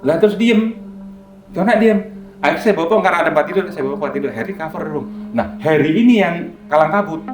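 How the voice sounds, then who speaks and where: A man's voice: fairly high pitch, lively intonation, quick pace. Man, guest healer, casual storytelling, acts out quoted dialogue, echoey room, faint music behind.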